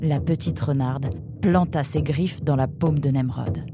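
A woman narrating a children's animal story with an expressive reading. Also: low-pitched, a little slow, over loud music.

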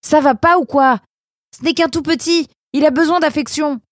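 A man's voice: extremely high pitch, fairly even intonation, moderate pace, no room sound, clean studio sound, pitched above the performer's own voice. A man voicing a tender-hearted young male fox in a storybook reading, pleading and indignant.

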